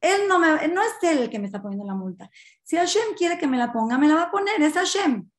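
A woman's voice: sits high, big pitch swings, brisk, voice pushed up. Woman playing a patient devout old man in a story, serene, roomy echo. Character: calm devout older man, trusting.

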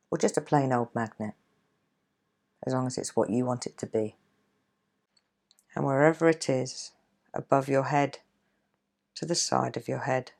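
A woman coach leading a guided relaxation exercise in a gentle, soothing, measured way, leaving pauses between phrases. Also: a bass voice, vocal fry. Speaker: coach and podcast host.

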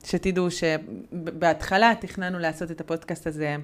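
A woman's voice: on the low side, fairly even intonation. A middle-aged woman from Hungary, a native Hungarian speaker, chatting casually as a podcast co-host and searching for words as she goes. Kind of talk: casual chat.

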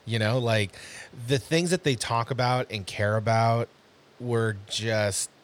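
A man's voice: medium pitch, fairly even intonation, slow. A man hosting a casual podcast chat, crude and joking, laughing often. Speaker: podcast host.

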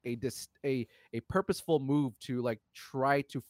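At a moderate pace and medium pitch, a film podcast co-host swears and sounds exasperated as he emphatically discusses movies in a casual, opinionated chat. The studio sound is clean with no room tone.

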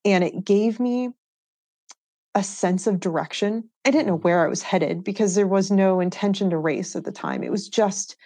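A woman's voice: mid-range voice, sing-song, moderate pace, dark tone, no room sound. A woman being interviewed, telling personal stories in an earnest, reflective way and laughing easily. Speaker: interview guest. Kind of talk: candid conversational storytelling.

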